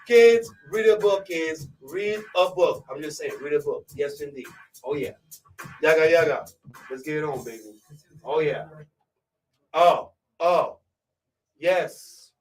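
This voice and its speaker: A man from Côte d'Ivoire hosting a live radio show, hyping listeners and filling every pause with "you know what I'm saying". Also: high voice, recorded from a distance, rough recording. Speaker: radio host.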